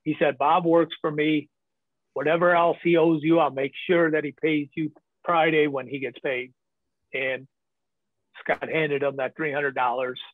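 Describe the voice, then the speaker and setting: A man's voice: a little high, little pitch movement, a little slow, no room sound. Man telling stories over a tinny line. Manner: candid, laughs often, many fillers. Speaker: podcast guest. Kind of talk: casual storytelling. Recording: tinny phone-like line, dry.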